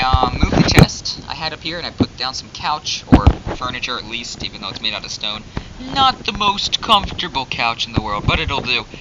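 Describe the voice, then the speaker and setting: A man talking through his game in a loose, rambling way, his voice sitting at an ordinary middle pitch. The mic sounds dull and lo-fi, with a loud, steady noise underneath. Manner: chatty, rambling, easily exasperated. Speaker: gamer narrating his Minecraft series. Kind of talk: casual gameplay commentary.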